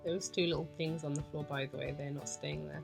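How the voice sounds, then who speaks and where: Young british woman, croaky morning voice, low-ish pitch, chatty rambling voice-over, faint music behind. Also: steady tone, brisk. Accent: British English. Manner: chatty, rambling, says "literally" and "like" a lot. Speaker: vlogger. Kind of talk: casual voice-over commentary. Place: in bed at home.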